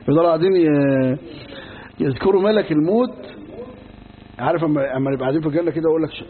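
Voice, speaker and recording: A man's voice: fairly high pitch, very fast. A man with an Egyptian accent teaching a religious lesson, telling stories with everyday asides and acting out the dialogue. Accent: Egyptian Arabic. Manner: lively storyteller, acts out dialogues in everyday speech. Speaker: Islamic preacher teaching a lesson. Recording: tinny lo-fi recording with faint hiss.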